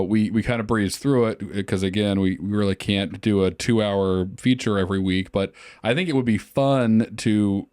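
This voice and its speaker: A man with a fairly low voice co-hosting a podcast in a loose, casual chat. He jokes around and laughs often. The sound is dry and close, with no room around it. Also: a little mellow, dry recording. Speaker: podcast co-host.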